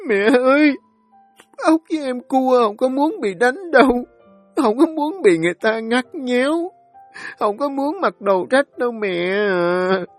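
A man's voice: very high voice, lively intonation, unhurried, dry recording, soft background music, pitched above the performer's own voice. A man voicing a frightened small child who begs its dying mother not to leave. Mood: crying pleading. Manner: tearful, pleading, childlike.

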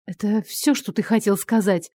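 A prickly young woman who is easily riled, as the woman reader puts her on. She speaks in a mid-pitched voice, sharp and scolding, in a dry, close audiobook read. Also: normal speed, no room sound, natural voice. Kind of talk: audiobook character voice.

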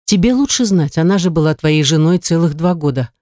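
A woman's voice: deep voice, lively intonation, brisk, darkish tone, no echo, clean studio sound. A reader voicing an older mother who is cheerful and coaxing, in an audiobook. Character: older mother, warm and delighted. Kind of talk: audiobook narration.

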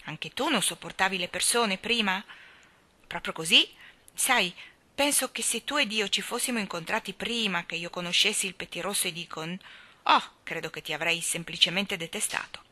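A woman voicing a stubborn, quick-tempered young girl who speaks bluntly and emphatically in a storybook reading. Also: mid-range voice, sharp tone. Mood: candid.

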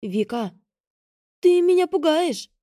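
A woman's voice: high voice, expressive, moderate pace, mellow, dry recording, clean studio sound, voice pushed up. A woman doing a frightened, pleading sister. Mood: worried, pleading. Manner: nervous, pleading, half-whispered. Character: anxious, frightened adult sister.

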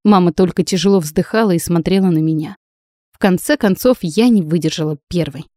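A woman reading a first-person audiobook in an even, steady manner. Her tone is mellow and soft-edged, and the recording is dry and close to the mic. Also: fairly low pitch, a little fast, dry recording. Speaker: narrator. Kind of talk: audiobook narration.

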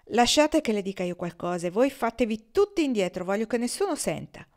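A woman reading an audiobook aloud, voicing a shrewd, caring woman friend who speaks low but with energy. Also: lively intonation, a little fast, a little mellow, close to an everyday voice. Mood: persuasive.

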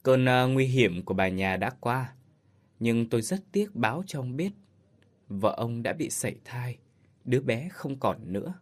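A man doing a calm hospital doctor. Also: mid-range voice, lightly acted. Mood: grave. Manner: measured and formal. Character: calm hospital doctor delivering bad news.

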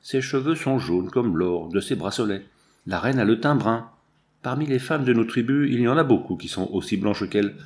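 A man's voice: mid-range voice, expressive, moderate pace, natural voice. A man reading the lines of a cunning, defiant warrior orator, arguing in a mocking way in an audiobook. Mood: scornful. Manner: mocking, argumentative speech.

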